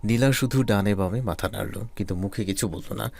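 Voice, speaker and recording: Brief: male narrator, lowish voice, calm romantic storytelling. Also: a little fast, gravelly.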